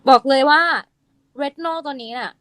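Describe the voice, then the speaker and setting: A fairly high-voiced woman co-hosting a casual podcast, explaining things in an animated way with bits of teasing. Her voice sits close and dry on the mic, with no room sound. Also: a little slow, no echo. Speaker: podcast co-host explaining skincare. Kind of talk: casual chat.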